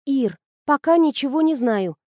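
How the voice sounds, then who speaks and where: A woman's voice: high-pitched, measured pace, no echo. A woman reading the lines of a shy, smitten young woman student in an audiobook. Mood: flustered. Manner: bashful, flustered, excited.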